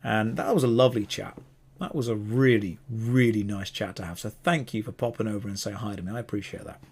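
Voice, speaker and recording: A man's voice: lowish voice, fairly even intonation, fairly quick, darkish tone, slightly rough. Rambling, enthusiastic male podcast co-host. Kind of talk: casual podcast chat.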